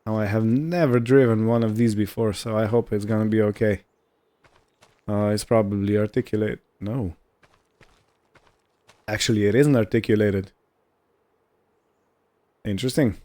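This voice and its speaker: A mellow, lowish male voice keeps a steady tone and moderate pace, broken by long pauses. This gaming video host casually narrates his roleplay gameplay, thinking aloud, with vehicles and ambient noise faintly audible.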